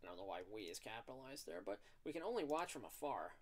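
A man playing a visual novel on his channel, reading the text aloud and joking about the bad writing. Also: medium pitch. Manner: animated, rambling, quick to mock the writing. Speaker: gaming YouTuber. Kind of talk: let's play, reading game text aloud with commentary.

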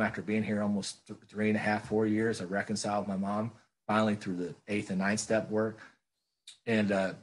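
A middle-aged man sharing his story at a recovery meeting. His voice sits low and a little husky, and he talks in an earnest, plainspoken way, circling back to the same phrases to drive them home. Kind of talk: speaker-meeting share.

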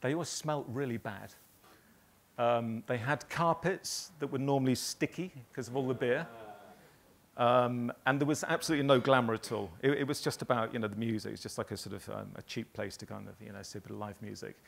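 A man in his fifties from northern England spins loose, halting anecdotes to a live audience, pausing often mid-sentence. His voice has a gravelly edge and sits at a middling pitch. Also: steady tone. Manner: rambling anecdotal storytelling with many ums. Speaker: graphic designer giving a talk.

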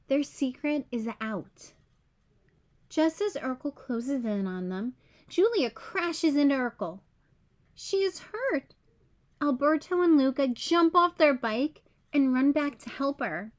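Clear, simple and expressive, a woman's high voice carries a children's picture book read aloud in storybook fashion.

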